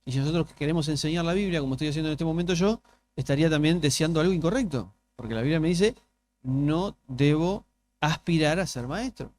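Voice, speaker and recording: A man's voice: fairly high pitch, animated, very fast, darkish tone. A male pastor with a Rioplatense Spanish accent, preaching a sermon in a conversational way and often asking the congregation rhetorical questions. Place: church.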